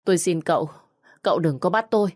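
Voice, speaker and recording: A woman's voice: fairly low pitch, fast talker, a little mellow, dry recording, studio quality, lightly acted. Woman voicing a nervous fugitive woman in her fifties, audio story. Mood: pleading. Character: frightened runaway woman over fifty, pleading.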